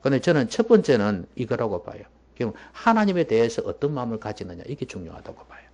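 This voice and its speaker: A man preaching a sermon as pastor in a church, emphatic and at times dropping to a hushed voice. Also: mid-range voice, big pitch swings, quick pace, lo-fi sound.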